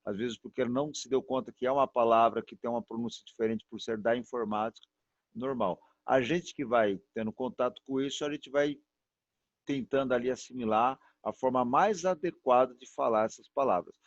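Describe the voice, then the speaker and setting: A Brazilian man teaches an online class at a middle pitch, repeating words patiently and drawing each one out to show how it sounds. His voice comes through a dull, muffled video-call line with no room echo at all. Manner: patient, repetitive, drawn-out demonstrations. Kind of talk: online class pronunciation lesson.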